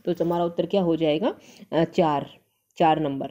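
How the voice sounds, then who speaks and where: A woman's voice: low-pitched, moderate pace, mellow, muffled recording. A woman teacher going through exam answers, reading each option aloud and then saying whether it is right or wrong. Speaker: Hindi teacher. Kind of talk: exam answer-key walkthrough.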